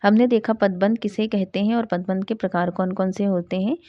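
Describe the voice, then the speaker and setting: A woman teaching a grammar lesson, asking questions and answering them herself and slowing down to read out example sentences. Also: medium pitch, fairly even intonation, no echo. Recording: dull dry lo-fi sound.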